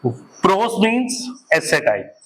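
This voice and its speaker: High-voiced teacher dictating slow notes. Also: male voice, sing-song, slight background noise, poor audio. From India. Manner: mixes Hindi and English, slows right down to dictate and spell out words. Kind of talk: classroom lecture, dictating notes. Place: classroom.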